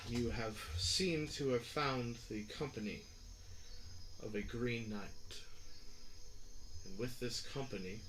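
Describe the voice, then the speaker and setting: An ancient, otherworldly male master, as a game master puts him on in a deep, low, hushed voice. He speaks slowly and solemnly and gives his commands with calm authority. A steady hiss of background noise sits under the recording. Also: close to an everyday voice. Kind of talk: game master voicing a character.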